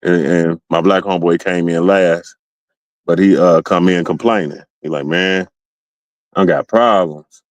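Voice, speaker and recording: Deep-voiced man telling stories casually. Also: normal speed, dry recording, rough recording. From Ohio. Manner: animated storytelling, acting out other people's lines. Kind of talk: casual chat.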